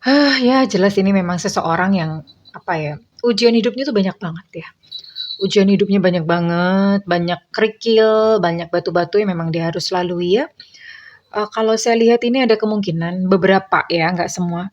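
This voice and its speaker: A woman's voice: medium pitch, a little fast, a little mellow, dull audio. A woman tarot reader speaking casually to her viewers, chatty and meandering, with many fillers.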